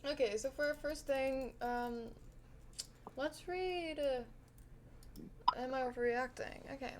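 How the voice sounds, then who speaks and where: A young woman with a fairly high voice co-hosts a casual podcast. She reads text messages out loud and names every emoji along the way. She giggles often through the chat. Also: slow, noisy background. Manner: giggly, reads texts aloud with emoji callouts. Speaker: podcast co-host. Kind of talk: casual podcast chat, reading posts aloud.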